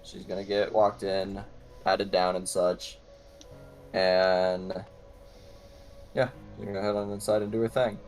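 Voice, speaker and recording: A man with a lowish voice narrates a tabletop game as its game master. He describes the scene at an easy, relaxed pace. Quiet music plays behind him. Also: a little slow, pauses often.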